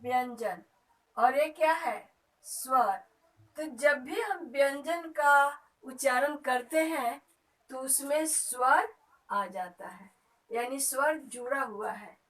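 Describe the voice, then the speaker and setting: A woman's voice: high-pitched, takes it slowly, a bit bright, recorded from a distance, low-quality recording. A woman teacher giving a grammar lesson to young children, reciting letters one by one and asking the pupils questions.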